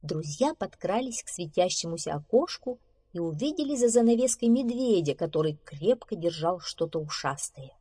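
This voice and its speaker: A woman reading a children's story aloud in an expressive, animated storytelling manner. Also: lowish voice, normal speed, breathy edge.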